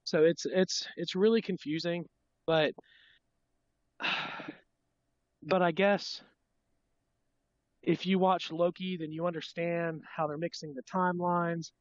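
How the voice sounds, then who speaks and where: A man chatting casually as a podcast host about films, halting and restarting, with a congested smoker's rasp from being under the weather. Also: a little high, little pitch movement, dry recording. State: sick, coughing under-the-weather voice. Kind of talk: casual film fan chat. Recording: dull lo-fi, dry sound.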